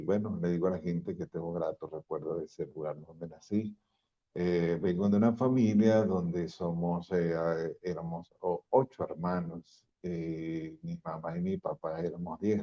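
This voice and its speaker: Speaking in a low, warm voice, an older pastor from Venezuela gives a testimony talk as a guest speaker, telling his story in a homespun, folksy way. His accent is Venezuelan Spanish, and the sound is dull lo-fi.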